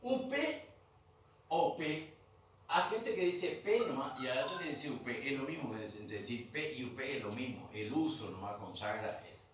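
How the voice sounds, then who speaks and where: At a moderate pace and medium pitch, a man teaches a grammar class inside a museum room, patiently repeating terminology and confirming students understand. The language teacher is recorded from afar in an echoey room with faint noise.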